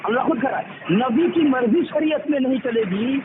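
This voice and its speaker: A man with a very high voice lectures and scolds in a heated religious phone debate. His voice comes through a thin, tinny phone line with clear background noise under it. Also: normal speed. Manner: preachy, scolding rebukes.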